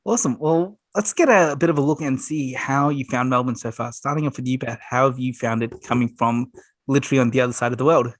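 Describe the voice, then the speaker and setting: A man's voice: medium pitch, fast, no echo. A man hosting a casual video-call interview, upbeat with short reactions. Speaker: host.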